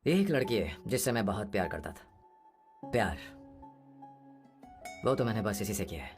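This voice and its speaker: A man's voice: on the low side, lively intonation, racing, music in the background, lightly acted. A man playing a moody lovesick hero. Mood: wistful. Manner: curt, then pleading. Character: lovesick young man, moody, hot-headed. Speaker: lead hero. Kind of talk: dubbed film acting.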